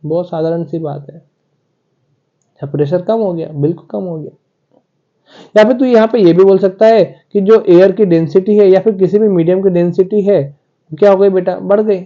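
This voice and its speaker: A man's voice: high voice, steady tone, normal speed, lo-fi sound. A male physics teacher, giving a classroom lecture and talking straight to his students, often voicing their questions himself. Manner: talks to students directly, acting out their questions.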